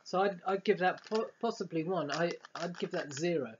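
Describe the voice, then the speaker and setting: A man's voice: high voice, moderate pace. A middle-aged man talks casually and hesitantly through a snack tasting. He muses his way to each opinion. The sound is a dull webcam recording in a living room, with faint noise. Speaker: snack reviewer.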